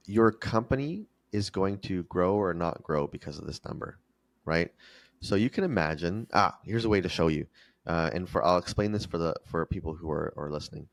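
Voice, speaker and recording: A man's voice: low voice, creaky, dry recording. A man explaining financial figures step by step, in a didactic interview style. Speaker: finance expert guest, fractional CFO. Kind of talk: explanatory interview talk with numbers.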